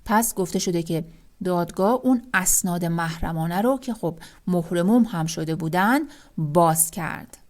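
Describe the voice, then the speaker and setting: A woman teaching English vocabulary, who reads each English example sentence very slowly and then explains it at a brisk pace. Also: lowish voice, darkish tone. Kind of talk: vocabulary lesson.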